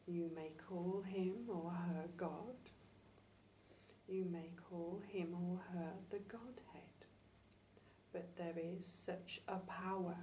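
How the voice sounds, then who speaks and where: Woman voicing a very slow, breathy seance spirit. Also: on the low side. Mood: solemn, assured. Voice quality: breathy, half-whispered. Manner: halting, hushed seance-medium delivery with long pauses. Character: solemn spirit guide speaking through an entranced medium. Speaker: trance medium channelling spirits. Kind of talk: seance channelling, slow solemn discourse. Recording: distant mic, clear background hiss.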